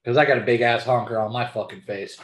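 A young man guesting on a podcast over a video call, heckling and reacting loudly. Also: medium pitch, fairly even intonation, fast talker, reverberant. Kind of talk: casual banter. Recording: loud background noise on call.

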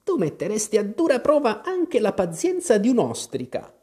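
A man's voice: high voice, wildly swooping pitch, moderate pace, a little mellow, pitched above the performer's own voice. A man voicing a snappish young female crab in a storybook reading. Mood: irritated. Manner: snappish, huffy.

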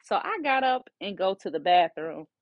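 A woman's voice: lowish voice, normal speed, no echo, highs cut off. Chatty woman telling a personal story. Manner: casual and animated, often repeating "you know". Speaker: psychic medium and podcast host.

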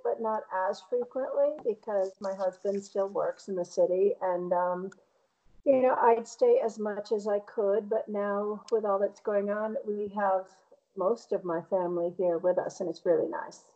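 Mellow middle-aged New England woman, slightly muffled. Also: mid-range voice. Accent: New England American. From Connecticut, United States. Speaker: painter interviewed as guest. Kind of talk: casual conversational interview.

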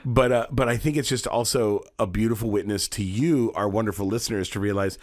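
A man's voice: lowish voice, fairly even intonation, a little fast, no room sound, clean studio sound. A man in his thirties, a priest co-hosting a parish podcast, chatting in an upbeat, joking way. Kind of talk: casual chat.

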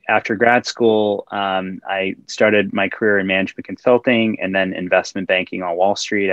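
Low, flat-voiced male guest. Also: dry recording, muffled recording. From born in India, raised in Houston. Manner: easygoing, with many fillers. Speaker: guest, company founder. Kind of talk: interview answers.

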